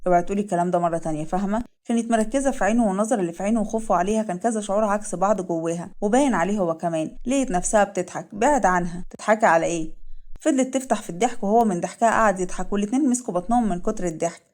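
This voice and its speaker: A woman narrating a serial story in brisk, continuous read-aloud style. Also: medium pitch, darkish tone.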